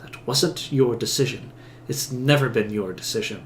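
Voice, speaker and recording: A man's voice: medium pitch, normal speed, voice pushed down, natural voice. A man voicing a tormented young wizard who speaks strained and bitter.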